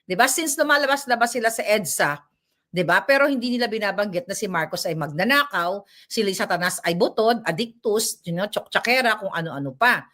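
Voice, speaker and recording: A woman delivers an informal, opinionated commentary straight to her viewers. Her delivery is animated, with constant check-ins for agreement and bursts of laughter. Her voice sits at an ordinary middle pitch. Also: fairly quick. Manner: animated, keeps asking "di ba?", laughs between lines. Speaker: commentary vlogger. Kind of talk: casual ranting commentary, mixing in English.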